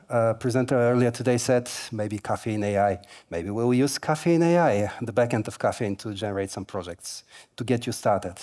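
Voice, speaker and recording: Wearing a headset mic on a big stage, a man in his forties gives a relaxed tech conference keynote, full of fillers and touches of humor. His voice is mid-range and a little mellow.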